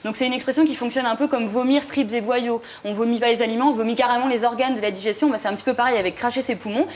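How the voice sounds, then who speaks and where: A young French-accented language columnist, her voice on the high side and steady in tone, explains the meanings and histories of words in a TV studio segment with slight background noise. She talks fast and explanatorily, full of "euh" and "alors," with light laughs.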